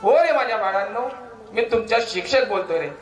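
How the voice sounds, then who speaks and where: A man's voice: sits high, lively intonation, brisk. Man reciting poetry in an echoey hall. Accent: Khandesh (Ahirani dialect). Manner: emotional, declamatory, repeating lines for effect. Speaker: alumnus reciting poetry at a school reunion.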